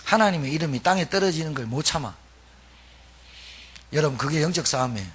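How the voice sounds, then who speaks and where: A man preaching a sermon as pastor, telling a story in an animated, emphatic way. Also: a little high, fast talker, slightly rough.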